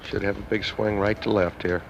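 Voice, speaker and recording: Male golf analyst, fairly low voice, conversational commentary, muffled noisy vintage sound. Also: flat delivery, moderate pace. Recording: dull, noisy vintage TV broadcast.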